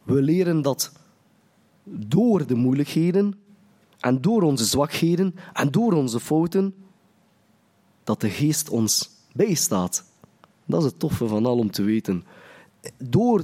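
A man delivers a sermon, earnest and searching, circling back to restart his phrases as he thinks aloud. His voice is mellow and warm, sitting at an ordinary pitch for a man. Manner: earnest, restarts phrases, acts out quoted prayers. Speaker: preacher.

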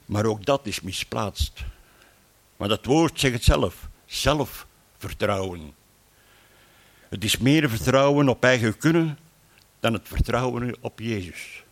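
A man leads a church sermon, starting with a prayer and moving into a Bible reading and teaching. He speaks in an earnest, measured way, sometimes restarting words mid-phrase. His voice sits at an ordinary middle pitch. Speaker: preacher.

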